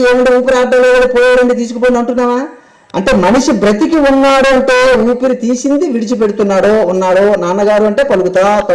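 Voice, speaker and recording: A man's voice: extremely high pitch, a little mellow, echoey room, low-quality recording. A man giving a devotional discourse to a live audience, asking rhetorical questions and chanting verses. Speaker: spiritual speaker. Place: stage before a live audience. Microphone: handheld mic.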